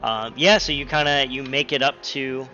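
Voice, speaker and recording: A man narrating a tabletop game as game master, easygoing and full of fillers. His voice is bright and a bit edgy. It is heard through dull, lo-fi online call audio. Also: medium pitch, fairly even intonation, normal speed. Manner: casual, full of ums and likes. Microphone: online call mic.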